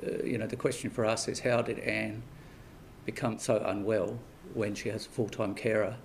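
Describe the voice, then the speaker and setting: A man interviewed for a news story, speaking haltingly with fillers and restarts. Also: on the low side, level tone, gravelly, a little hiss or hum.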